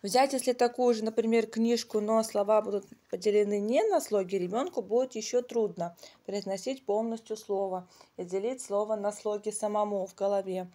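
A woman's voice: medium pitch, normal speed, hardly any pauses, mellow. A woman reviewing books casually, explaining step by step like a children's tutor. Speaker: children's reading tutor and channel host.

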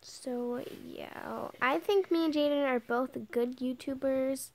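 This child channel owner chats through a game house tour on a handheld device as casual gameplay commentary, frequently slipping into whispers. Her female voice sits high and a little mellow, taken slowly, with a little hiss or hum.

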